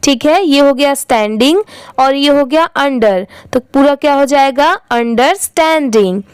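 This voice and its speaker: Woman teacher, high voice, slow careful spelling, dry close sound. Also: no room sound, low-quality recording. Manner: spells words letter by letter, then reads them slowly. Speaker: English reading teacher. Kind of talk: step-by-step spelling and reading lesson.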